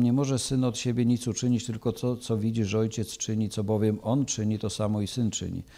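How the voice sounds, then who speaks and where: A man's voice: mid-range voice, mellow. A man preaching, reading a Bible passage aloud and then explaining it, with frequent hesitations.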